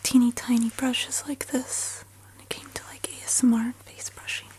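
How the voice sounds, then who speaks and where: An ASMR host whispers through a role-play of a spa pampering session, speaking softly and soothingly while giving the listener gentle personal attention. Her voice is a little high, with a level tone and a moderate pace.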